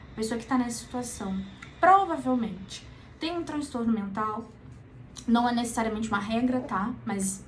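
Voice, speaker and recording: A woman teaching psychology in a casual, conversational lesson, calm and reassuring, often checking in with the listener. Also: medium pitch, a little hiss or hum, rough recording. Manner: conversational, frequent tag questions, calm reassuring. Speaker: psychology educator.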